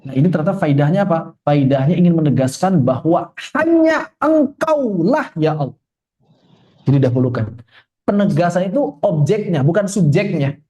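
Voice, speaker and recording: A man from Indonesia giving a religious study lecture, joking and quizzing his class, slowly chanting Arabic verses. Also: a little high, dark tone. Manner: joking, conversational teacher asking the class questions. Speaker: Islamic teacher.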